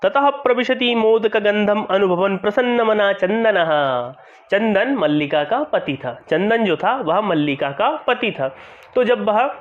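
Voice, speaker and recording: Male teacher, school lesson, explanatory, repeats phrases, high voice, muffled lo-fi recording. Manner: explanatory, repeats phrases to make them clear. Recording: dull lo-fi sound.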